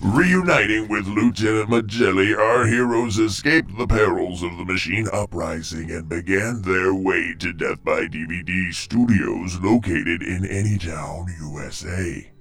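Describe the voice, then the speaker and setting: A man narrating a mystery serial like an old radio drama narrator, with theatrical, deliberate delivery and suspenseful pauses. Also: deep voice, fairly bright tone.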